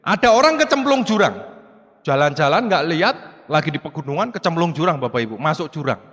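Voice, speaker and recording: A man with a fairly high voice delivers an animated motivational talk, calling out to his audience again and again. His voice rings through a large hall with a long reverb. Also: fairly quick. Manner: animated, repeatedly addresses the audience as "Bapak Ibu". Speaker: motivational speaker.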